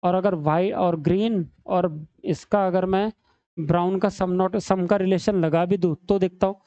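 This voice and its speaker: A man's voice: high voice, steady tone, a little slow, dark tone, lo-fi sound. A man teaching an exam-prep reasoning lesson at a screen, chatty and teasing, calling his students son and brother. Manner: chatty, teasing, calls students beta and bhai.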